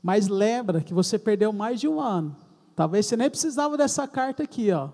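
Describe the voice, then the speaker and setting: A stern, reproachful female English teacher scolds a former student, as a Brazilian preacher quotes her in his own very high voice. The line carries a Brazilian accent. It rings with long reverb through a church hall. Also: lively intonation, fairly quick, creaky, warm tone. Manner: reproachful quoting.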